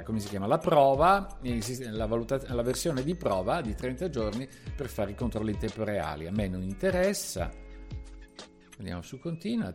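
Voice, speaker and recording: A man hosting a tech podcast, chatting casually and thinking aloud as he clicks through software. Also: mid-range voice.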